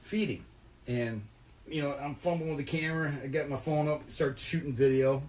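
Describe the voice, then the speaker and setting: A man's voice: fairly high pitch, normal speed, a little hiss or hum. A man telling a rambling, folksy story about a fishing trip in casual podcast chat. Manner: rambling, folksy, animated retelling.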